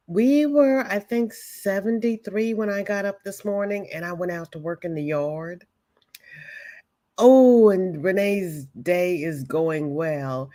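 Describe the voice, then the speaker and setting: A woman with a warm, mid-range voice hosts a crochet livestream, chatting casually and greeting viewers by name as their comments arrive. She worries her voice may be weak and hopes it will hold up.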